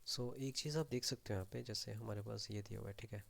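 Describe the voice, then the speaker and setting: Guy walking thru a coding problem, lowish voice, gravelly, lots of uh and thik hai. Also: fast. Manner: thinks aloud, mixes Hindi and English, many fillers. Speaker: programming tutor. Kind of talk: screen-share coding explanation.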